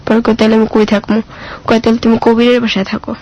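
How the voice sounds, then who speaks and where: A woman on the high side speaks quickly with a flat delivery and a slightly mellow tone, the highs cut off. As a guest, she tells her life story casually in a colloquial Bangladeshi Bengali accent, reenacting conversations from memory.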